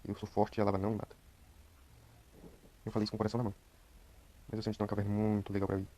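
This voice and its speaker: A young Brazilian man giving quiet, rambling commentary while he plays a game. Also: lowish voice, monotone, very fast, a little hiss or hum. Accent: Brazilian Portuguese. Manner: talks quietly at night, rambling. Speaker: gameplay streamer. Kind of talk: casual gameplay commentary.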